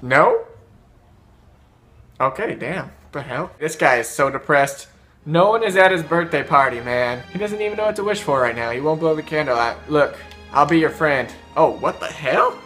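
A man doing loud, joking commentary over a video game. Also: fairly high pitch, lively intonation, normal speed. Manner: loud, joking, yelling out bits. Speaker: gaming video host. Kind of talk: comedic gameplay commentary. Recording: game music behind.

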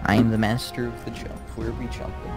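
A man's voice: medium pitch, flat delivery, fast talker. A man chatting casually while gaming with friends, goofy and teasing, repeating words. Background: game music.

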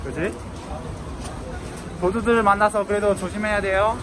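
A man's voice: high voice, steady tone, normal speed. A man casually chatting through a face mask as a travel vlogger. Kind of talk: casual travel vlog chat. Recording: street music and crowd behind. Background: loud music and crowd noise.

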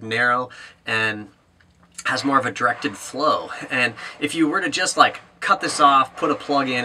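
Bright-voiced man explaining in his workshop. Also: mid-range voice, slightly rough. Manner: explanatory, frequent "uh" fillers. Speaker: maker vlogger. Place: small indoor workshop. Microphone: camera on a tripod, then handheld.

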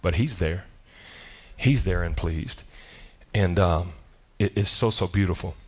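Lower-voiced man preaching a sermon. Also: breathy edge. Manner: animated, conversational preaching with asides and quick restarts. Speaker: pastor. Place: church sanctuary.

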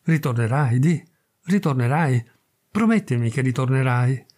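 A man reading aloud voices Irma, a sick young woman who is vengeful and clinging and speaks in a breathless, husky way. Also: medium pitch, lively intonation, normal speed, a little mellow, natural voice. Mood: pleading. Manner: breathless, pleading then fierce. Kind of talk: audiobook reading of a classic tale.

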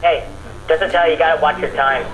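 A man's voice: a little high, steady tone, fast, fairly bright tone. A male gamer chatting casually and rambling, often repeating his words and phrases. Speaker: gamer friend watching along. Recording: roomy echo. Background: video game music.

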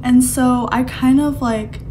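A woman's voice: high voice, fairly even intonation, takes it slowly, darkish tone, a little hiss or hum, low-quality recording. A woman vlogger with a slight lisp, chatting candidly in a casual video diary. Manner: candid, chatty, many hedging fillers.

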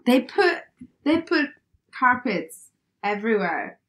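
A woman co-hosting a podcast, chatting in a quick, opinionated, teasing way. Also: a little high, big pitch swings, a bit bright. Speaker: podcast co-host. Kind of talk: casual chat.

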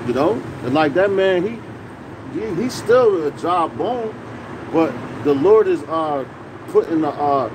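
A man in his forties preaches outdoors on a city street at night, his voice sitting a little high for a man. He talks loosely and conversationally, tossing in "man" and "you know" between scripture points. Clear traffic and street noise run behind him. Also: lively intonation, a little slow. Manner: casual, repetitive fillers like "man" and "you know". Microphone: camera phone close up.

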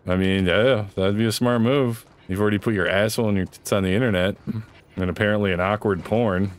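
A man's voice: on the low side, steady tone, brisk. Crude joking man gaming with a buddy. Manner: crude, joking, laughs often. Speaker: gamer host. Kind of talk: casual gaming chat.

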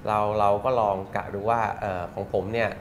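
Guy in his 30s rattling off business tips on a studio set, lowish voice, audible noise behind. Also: little pitch movement. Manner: fast, explanatory, acts out customer quotes. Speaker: business guest. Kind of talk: studio interview. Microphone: lapel mic.

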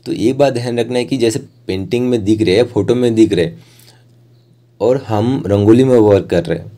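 Hosting an art tutorial, a young man explains each stage in a straightforward way through a step-by-step voice-over. He has a lowish, very mellow voice and at times pauses in the middle of a sentence to find his words.

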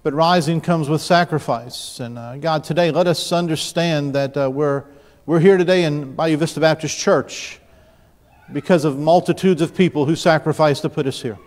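A pastor in his fifties from the New Orleans area, Louisiana, preaches a sermon from the pulpit, his voice a little high and slightly mellow at a moderate pace. He tells stories conversationally, often restarting and putting questions to the congregation. The pulpit mic and mid-distance camera capture a large church sanctuary with long reverb.

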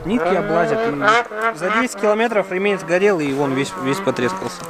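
A man's voice: high voice, brisk. A man giving short, terse remarks outdoors in the snow. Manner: terse, few words. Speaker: mechanic friend. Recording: outdoor engine noise.

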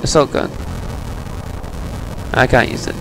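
A man speaking a little slowly gives sarcastic, casual commentary during a video game, muttering to himself like a typical let's player. Game music plays underneath, and the background is noisy.

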